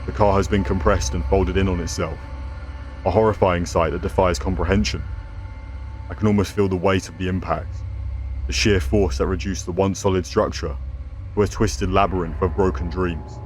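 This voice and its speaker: A deep-voiced man reads scripted scary stories in the manner of a horror host. His delivery is theatrical and ominous, addressed to listeners as a storyteller. Music plays underneath his narration. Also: steady tone, normal speed.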